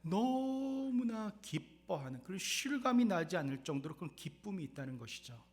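A male pastor preaching a sermon in church, animated, firing off rhetorical questions and swinging between soft and loud. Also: fairly high pitch, fast. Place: church sanctuary.

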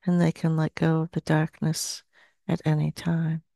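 A woman in her sixties trance channeling as a seance medium, speaking solemnly and slowly with long pauses. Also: low voice, completely flat delivery, gravelly, warm tone, no echo, studio quality. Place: small dim indoor room. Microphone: headset.

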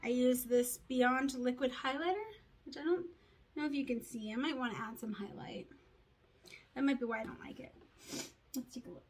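Female beauty vlogger, slightly high voice, loose self-mocking chatter, faint background noise. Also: moderate pace. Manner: rambling, self-deprecating, talks to herself. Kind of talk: casual makeup tutorial chat.

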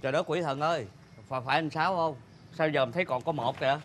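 A man's voice: a little high, fast, fairly bright tone, slight background noise, natural voice. A man playing a fussy, chatty middle-aged uncle who runs a small eatery in a sitcom. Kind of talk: sitcom acting.

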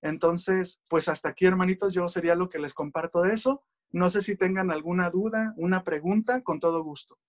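A man tells his religious testimony in an earnest, heartfelt way. His voice sits high for a man. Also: fairly quick. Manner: earnest, addresses listeners as brothers. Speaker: speaker giving testimony.

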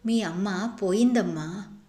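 A woman's voice: medium pitch, expressive, normal speed, darkish tone, lightly acted. A woman voicing a bewildered, grieving old grandfather who speaks pleadingly and with heavy emphasis, in a storybook reading with an echoey room sound. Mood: grief-stricken.

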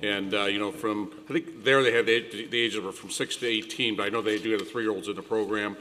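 Flat-voiced mayor in an echoing chamber. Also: male voice, lowish voice, brisk, slight background noise. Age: middle-aged. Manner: steady, reads off event dates with fillers. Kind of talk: meeting announcements. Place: city council chamber. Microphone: desk gooseneck mic. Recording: reverberant council chamber.

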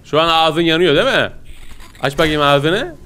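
Gaming host, male: excitable, talkative let's-play commentary, slightly high voice, very lively pitch. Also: normal speed. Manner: excitable, yelps and squeals when startled; chatty, keeps talking to viewers as "pisicik".

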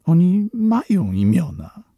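A man voicing a tender young woman in whispered role-play, soft, hushed and gentle in an audiobook. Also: sits high, wildly swooping pitch, slow, no room sound, muffled recording, pitched above the performer's own voice, exaggerated voice.

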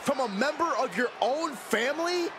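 An actor playing an incredulous, excitable wrestling commentator in a video game. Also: male voice, very high voice, moderate pace, noisy background. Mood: astonished. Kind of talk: sports commentary. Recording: loud arena ambience behind commentary.

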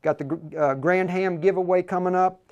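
A man's voice: sits high, fairly even intonation, moderate pace, smooth, muffled recording. A man hosting a live radio demo on a lapel mic, talking casually and using ham radio call-sign talk. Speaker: host and instructor.

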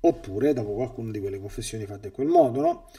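A priest with a fairly low, mellow voice, vocal fry and huge pitch swings speaks fast, recorded from a distance. He reads a testimony aloud and comments on it in an emphatic catechesis sermon, often stammering and repeating words when speaking freely.

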